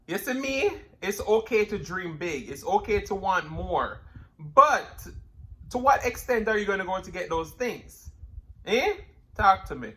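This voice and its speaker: A man's voice: high voice, sharp tone. A man with a Jamaican accent giving emphatic, casual motivational talk to viewers, repeating phrases and murmuring as he eats crunchy fried chicken. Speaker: mukbang vlogger.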